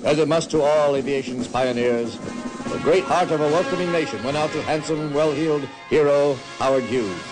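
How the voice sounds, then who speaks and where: An actor playing a grandiose male newsreel announcer with booming, ceremonious delivery, heard as an old newsreel soundtrack played from a film. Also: moderate pace, low-quality recording. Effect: vintage newsreel soundtrack played from a film. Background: music.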